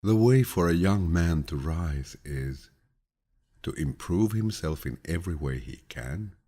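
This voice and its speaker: In an extremely deep, gravelly voice with a husky grain, a man reads an audiobook of quotations from a script. He sounds calm and measured, like a grandfather passing on wisdom, with expressive rises and falls in his intonation.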